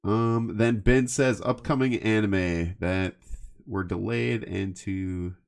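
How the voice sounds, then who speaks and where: A man co-hosting a podcast, chatting casually about anime with a rambling, halting delivery. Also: fairly low pitch, creaky, clean tone. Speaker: podcast co-host.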